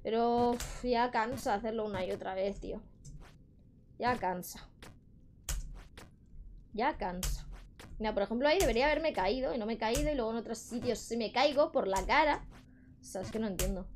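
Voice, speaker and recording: A woman's voice: on the high side, moderate pace, long pauses, slight background noise. A young woman with a Spain Spanish accent, chatting on a live gaming stream, frustrated and swearing at the game.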